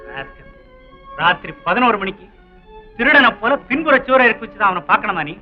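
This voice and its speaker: A man's voice: high voice, expressive, a little fast. An actor playing a stern middle-aged policeman father in a 1960s film melodrama, severe and commanding, on a dull old soundtrack with faint music. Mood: stern, angry. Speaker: police constable.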